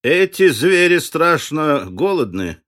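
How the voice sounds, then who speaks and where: A man's voice: a little high, big pitch swings, slow pace, fairly bright tone, pitched above the performer's own voice, heavily acted. A man voicing a wary, practical trapper who speaks in a dry, matter-of-fact way in an audiobook. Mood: warning. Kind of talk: audiobook character voice.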